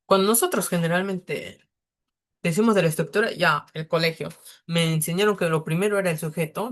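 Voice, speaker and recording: A man teaching a beginner English lesson, explaining step by step with patience. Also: a little high.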